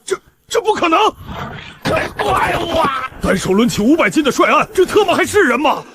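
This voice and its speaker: An actor playing an alarmed, loyal army officer, agitated and exclamatory, in an animated war drama. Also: male voice, extremely high pitch, moderate pace, very noisy. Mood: panicked. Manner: agitated, exclamatory, often shouting. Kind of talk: dramatized animated-comic dubbing.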